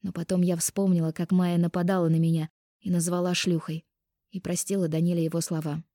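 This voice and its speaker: A woman reading a first-person romance audiobook in an expressive, intimate way on a close microphone. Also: lowish voice, a little fast, no room sound. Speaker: audiobook narrator.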